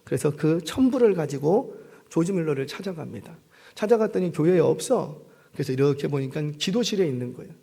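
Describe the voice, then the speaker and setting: Middle-aged pastor, male, gravelly and a bit high, acts out story voices mid-sermon. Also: lively intonation, a little fast, warm tone. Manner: acts out story characters with shifting voice and volume. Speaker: senior pastor.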